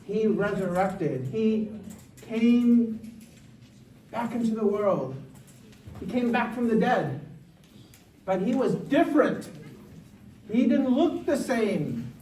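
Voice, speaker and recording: Priest teaching kids, slow halting delivery, distant mic in an echoey hall with children. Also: male voice, high-pitched, very animated, warm tone, a little hiss or hum. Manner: slow, halting, with many fillers and restarts. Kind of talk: Lenten lesson for children. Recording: roomy hall, crowd behind, far off.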